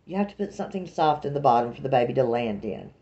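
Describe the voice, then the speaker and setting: A woman's voice: very deep voice, sing-song, fast, dark tone, dull audio. A woman voicing an earnest, zealous woman who lectures on a fringe cause.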